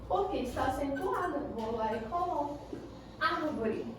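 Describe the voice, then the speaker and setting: A Brazilian woman teaching a primary class, asking questions and answering them herself while stretching the key words slowly. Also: high-pitched, noisy background. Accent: Brazilian Portuguese. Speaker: schoolteacher. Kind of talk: recorded remote class lesson. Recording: echoey room, voice far from the mic.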